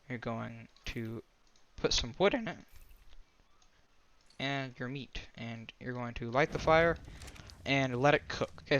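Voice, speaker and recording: A man's voice: medium pitch, sharp tone, clean tone. Man rambling through a game tutorial. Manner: rambling, restarts and corrects himself. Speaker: gaming tutorial creator. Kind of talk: casual game tutorial voice-over.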